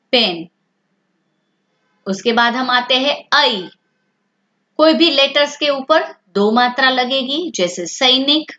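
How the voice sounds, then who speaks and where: A woman's voice: on the high side, fairly bright tone. A woman teaching a language lesson to children, asking questions and then answering them herself. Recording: dull lo-fi sound.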